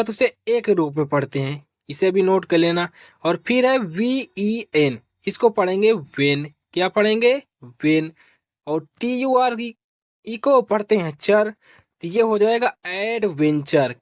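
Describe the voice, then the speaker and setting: A woman teaching English pronunciation, spelling out letters slowly, asking questions and repeating the answers. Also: medium pitch, no room sound, studio quality.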